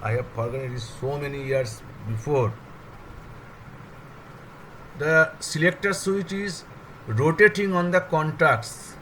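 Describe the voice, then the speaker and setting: An older man with an Indian English accent, explaining railway engineering in a deliberate, halting way, listing items one by one. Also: fairly high pitch, a bit bright, a little hiss or hum, poor audio. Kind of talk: technical explanation.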